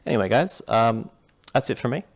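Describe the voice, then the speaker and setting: This Japanese tutor from Western Australia speaks with an Australian accent at a slightly fast clip, his medium-pitched voice full of lively intonation. In a casual screen-share reading lesson, he rambles chattily and keeps restarting his sentences.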